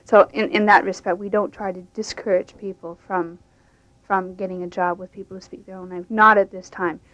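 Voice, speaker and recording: An English instructor who teaches immigrants explains her programs in unscripted, plain-spoken interview answers. Her mid-range voice is brisk, fairly bright, and flat in delivery, captured in a dry, dull lo-fi radio recording.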